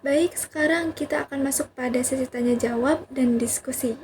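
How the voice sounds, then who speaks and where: A young woman with a high voice moderates a student presentation, speaking in a polite, formal way. A faint noise sits under her voice. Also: normal speed. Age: young adult. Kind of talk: moderating a class discussion.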